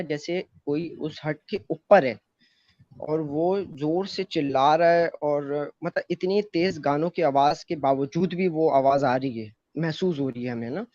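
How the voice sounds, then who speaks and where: In a loose, filler-heavy retelling with plenty of restarts, a man shares a personal story; his voice is a little high and a little mellow. It's captured on a dry close mic that sounds dull and muffled.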